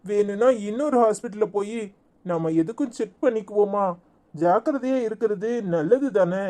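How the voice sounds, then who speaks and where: A worried young husband frets over his wife, voiced by a woman. He has a Tirunelveli Tamil accent. The voice is mellow and mid-pitched, with a pleading, flustered manner in this cartoon. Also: animated, normal speed, natural voice. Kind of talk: cartoon voice acting.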